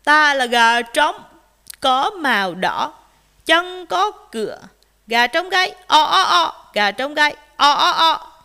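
Woman reader as a proud storybook rooster, bright, high, crowing loud. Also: very animated, measured pace, hardly any pauses, heavily acted. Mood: singing. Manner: crowing, sing-song, declaiming. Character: proud brave male rooster, bold and loud.

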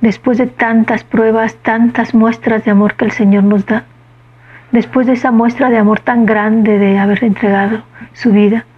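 A woman's voice: on the high side, steady tone, normal speed, husky, muffled recording. A woman giving a conversational Gospel reflection, often asking her listeners questions. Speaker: preacher.

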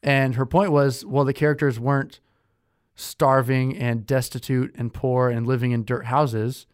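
A man's voice: mid-range voice, flat delivery, a little slow, clean tone, no echo, studio quality. A young man co-hosting a podcast, chatting casually with lots of fillers and restarts. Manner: chatty, with many fillers and self-corrections. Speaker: podcast co-host. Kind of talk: casual conversational chat.

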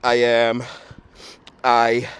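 Monotone and very slow, a young man's mid-range voice has a fairly bright, smooth tone in a dry recording. He's a podcaster walking along a street, hungover and still tipsy after a run, delivering a blunt, sweary, self-mocking monologue to a handheld camera. Traffic noise is heavy.

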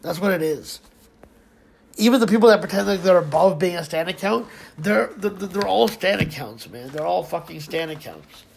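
A man's voice: high-pitched, lively intonation, moderate pace, vocal fry, slight background noise, poor audio. A young man ranting casually about wrestling fans and gossip, profane and rambling, full of restarts, fillers and sarcastic jabs. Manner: heated, sarcastic. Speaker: online commentator.

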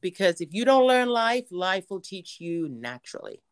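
A woman's voice: medium pitch, big pitch swings, moderate pace, clear, resonant tone, no echo. A woman hosting a casual podcast chat, affectionate and encouraging, calling her guest honey and girl. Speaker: podcast host.

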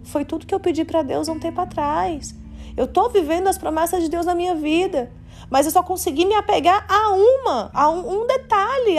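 Speaking in a high, slightly mellow voice, a Brazilian woman in her late twenties hosts a podcast. She offers a candid, confessional personal monologue rooted in her faith, with plenty of casual slang.

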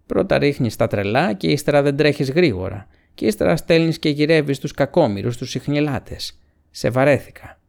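A man putting on a sneering orc tracker from a storybook, higher and louder than the narration, rough gravelly throat, scornful and quick to yell. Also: animated. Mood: contemptuous. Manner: mocking, grumbling, flaring into shouts. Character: snarling male orc tracker, bitter and insolent.

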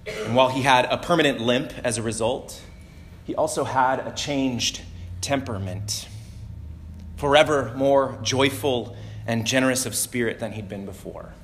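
Man giving a measured, solemn sermon. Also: mid-range voice, a little hiss or hum. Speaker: preacher. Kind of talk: gospel reading and sermon.

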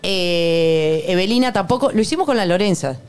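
A middle-aged woman with a Rioplatense Spanish accent, guest co-host in a casual comedic chat, telling stories and acting out quoted lines in high voices. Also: animated, normal speed, darkish tone, smooth.

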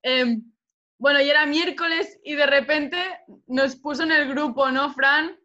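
A woman's voice: high voice, fairly even intonation, a little slow, sharp tone. A woman fighter chatting casually, telling a story animatedly and swearing freely. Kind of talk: casual chat. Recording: dull lo-fi sound.

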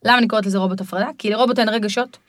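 A middle-aged woman guiding parents in a podcast conversation, explaining in a lively way and sometimes mimicking children's voices. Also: medium pitch, no echo, clean studio sound. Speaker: parenting guide.

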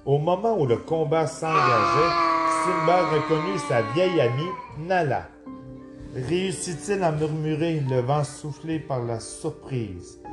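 A man narrating a storybook aloud in an expressive, lively reading. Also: a little high, unhurried, few pauses. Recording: roomy, clear background music.

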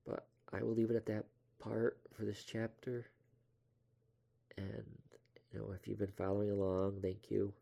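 A man's voice: fairly low pitch, completely flat delivery, moderate pace, gravelly, pauses often, mellow. A young man casually telling a rambling story from his past, offhand and self-deprecating, swearing now and then.

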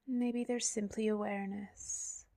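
Slow, hushed woman guiding sleepy relaxation. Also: mid-range voice, flat delivery. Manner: soft, breathy, half-whispered delivery with long pauses. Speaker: guided meditation narrator. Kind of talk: soothing guided relaxation narration, like a sleep story.

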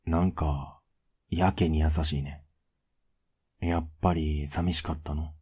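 Young boyfriend, played by a man, ASMR role-play. Husky, flat and unhurried, affectionate with gentle teasing. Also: full character voice. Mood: tired, casual. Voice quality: low, husky, soft. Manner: laid-back, gently teasing, intimate.

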